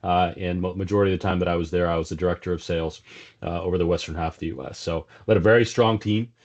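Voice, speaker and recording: Speaking fast with a low, steady, slightly mellow voice, a middle-aged sales executive from South Africa guests on a casual business interview. His South African accent carries a slight Texas twang, and his conversational talk is full of fillers and restarts. The audio is dull and lo-fi.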